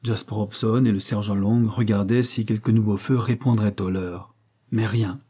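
A man reads an adventure novel aloud in scripted audiobook narration, measured and dramatic. His voice is husky and mellow, with a warm, relaxed tone. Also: on the low side.

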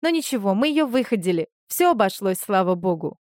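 A woman's voice: medium pitch, brisk, dry recording, studio quality, close to an everyday voice. A woman voicing a chatty female friend talking on the phone. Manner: lively, gossipy.

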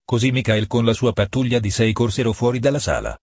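Man reading a story out loud, husky voice, dry close sound. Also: mid-range voice, lively intonation, fast, no room sound. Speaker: audiobook narrator. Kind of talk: scripted narration.

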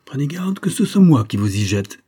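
A man voicing a burly, hoarse peasant who rants with hatred and threatens to kill. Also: mid-range voice, very animated, normal speed, voice pushed up. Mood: menacing. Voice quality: hoarse, harsh. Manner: ranting, menacing, shouting curses. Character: hoarse vengeful rough male peasant, burly, full of hatred.

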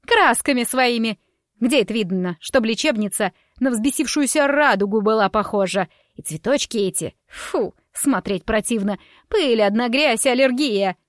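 A woman's voice: fairly high pitch, expressive, moderate pace, dry recording, clean studio sound, lightly acted. A woman voicing a spiteful, scandal-making townswoman who shrieks her accusations. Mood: disgusted. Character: shrill spiteful middle-aged woman, a scandalmonger.

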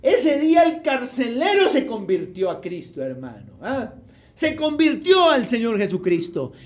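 A male pastor preaching a sermon, telling a Bible story with animated delivery and asking the congregation questions. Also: extremely high pitch, unhurried. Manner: acts out the people in the story.

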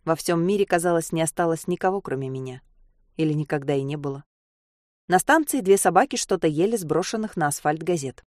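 Woman reading in a low, dry voice. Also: a little mellow, no echo. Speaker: audiobook narrator. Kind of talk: first-person novel reading.

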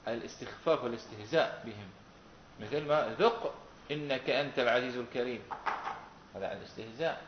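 A Quran recitation teacher with a medium-pitched voice leads a classroom lesson, asking his students questions and repeating their answers back. The recording sounds roomy and dull, with faint noise.

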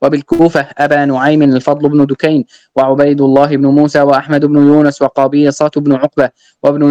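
A man reading a classical religious text aloud in a lesson, slow and measured, chanting the verses he quotes. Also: mid-range voice, darkish tone, dry recording, lo-fi sound.

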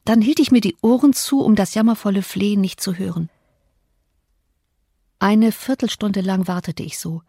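A woman reading a classic novel as an audiobook narrator, measured and dramatic, on a close studio mic. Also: medium pitch, warm tone, breathy edge, dry recording.

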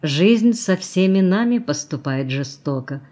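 In an audiobook, a woman voices a cynical, worldly society woman who teases, mocks, and coaxes. Her voice is fairly low-pitched and mellow, with lively intonation, pushed up, and delivered a little slowly.

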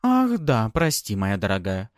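A man's voice: fairly low pitch, huge pitch swings, measured pace, no room sound, studio quality, pitched above the performer's own voice. A man voicing a haughty, teasing noblewoman in an audiobook, commanding and mock-sweet. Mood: imperious. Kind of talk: audiobook character voice.

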